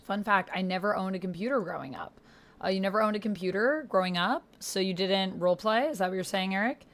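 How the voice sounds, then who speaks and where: This live tabletop roleplay host chats, reads typed posts aloud, and mutters to herself as she types on a computer keyboard. She speaks quickly and expressively at a medium pitch.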